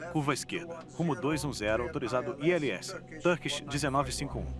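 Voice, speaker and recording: A man's voice: medium pitch, fast talker, over music. A man playing an airline pilot, speaking in clipped radio phrases through a cockpit radio transmission in a dubbed documentary reenactment. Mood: routine.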